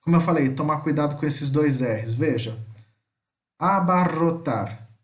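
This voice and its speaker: A man with a fairly high voice and a Brazilian Portuguese accent, teaching a recorded Spanish vocabulary lesson. He says each word twice, slowly, and then explains it. The room around him is echoey. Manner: repeats words slowly, checks in with "tá?".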